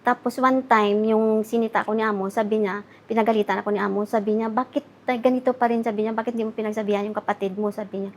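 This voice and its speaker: Soft-spoken woman in her fifties from the Philippines, giving a respectful personal testimony to a pastor. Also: mid-range voice, flat delivery, quick pace. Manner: soft-spoken, respectfully addresses the pastor, acts out quoted dialogue. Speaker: guest sharing her testimony. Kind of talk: interview testimony.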